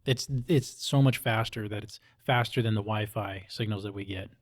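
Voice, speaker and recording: A middle-aged man who is a police officer hosts a podcast, talking casually in an informal, plain-spoken way. His voice is lowish and his pace moderate.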